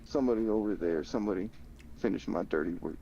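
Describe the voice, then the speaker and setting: Deep, gravelly young streamer man. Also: fast, warm tone, dull audio, slight background noise. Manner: laid-back, slangy, laughs often. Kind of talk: casual chat while gaming.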